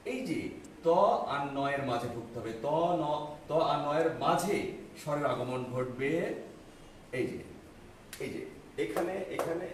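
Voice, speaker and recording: A middle-aged man teaching an online grammar class, patient and repetitive, often checking that his students have understood. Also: on the high side. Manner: patient, repeats points slowly, asks students if they understood. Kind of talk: online exam-prep grammar lesson. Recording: echoey far-off mic with faint noise.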